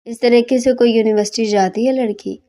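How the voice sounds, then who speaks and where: A woman's voice: on the high side, fairly even intonation, a little fast, mellow, lightly acted. A woman voicing a sleepy young male student who grumbles and mocks with teasing insults. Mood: grumbling.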